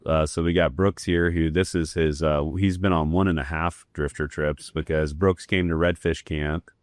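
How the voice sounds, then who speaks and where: A man's voice: extremely low pitch, fairly even intonation, normal speed, no echo, studio quality. A man hosting a casual round-table fishing chat, talking loosely with lots of "like" fillers. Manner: rambling, many "like" fillers. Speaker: podcast host. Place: fishing lodge.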